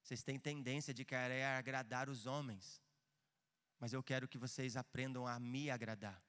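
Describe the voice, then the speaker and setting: A man in his thirties with a Brazilian Portuguese accent, preaching a sermon as pastor, impassioned and swinging from hushed confession to shouting. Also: medium pitch, fairly even intonation, normal speed, smooth. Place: church hall. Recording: echoey church hall.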